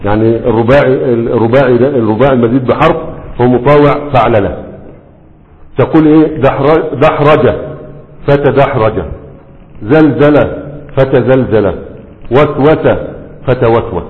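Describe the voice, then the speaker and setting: A man's voice: medium pitch, moderate pace, long pauses. Man lecturing over a tinny line. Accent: Egyptian Arabic. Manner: explains by asking the class and answering himself. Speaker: Arabic morphology teacher. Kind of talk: classroom lecture. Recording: tinny, phone-like, long hall echo.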